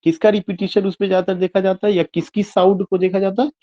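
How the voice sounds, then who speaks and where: A male teacher gives an online lecture in a slightly high voice. He spells terms out letter by letter and keeps asking the class questions he then answers himself. The sound is dull and lo-fi, like a web class. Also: little pitch movement, fast talker, warm tone. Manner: mixes Hindi and English, spells words out letter by letter.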